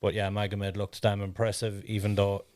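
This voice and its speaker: A man's voice: fairly low pitch, moderate pace, no echo, studio quality. A man co-hosting a podcast, talking casually and animatedly as he gives his views. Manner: animated, laughs often. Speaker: podcast co-host. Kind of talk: casual chat.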